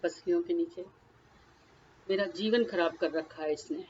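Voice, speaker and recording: A woman's voice: fairly low pitch, a little slow, a little mellow, dull audio, slight background noise. A woman leading a guided tapping session, naming each body point and then speaking a short first-person phrase for the listener to repeat.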